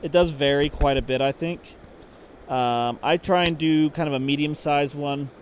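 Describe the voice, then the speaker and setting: A man's voice: on the high side, fairly even intonation, normal speed, a little hiss or hum. A man explaining fly fishing technique while fishing outdoors, talking casually and thinking aloud. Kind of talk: on-the-water instruction. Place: outdoors at a creek.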